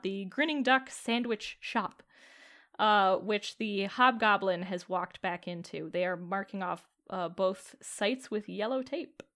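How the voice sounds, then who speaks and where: A woman's voice: fairly high pitch, a bit bright. A woman narrating a tabletop game as game master, chatty, with many fillers.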